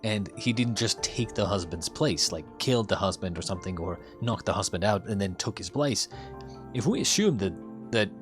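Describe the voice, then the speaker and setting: A man's voice: on the low side, expressive, normal speed, music in the background. A man doing casual live reaction commentary as a streamer, speculating in a rambling, mildly profane way. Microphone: headset.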